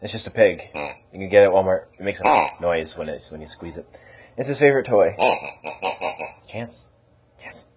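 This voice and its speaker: A man's voice: low-pitched, moderate pace, long pauses, very noisy. A young man vlogging casually at home, rambling and teasing his dog in a self-mocking way. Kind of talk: casual vlog chat to camera and to his dog. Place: at home, indoors.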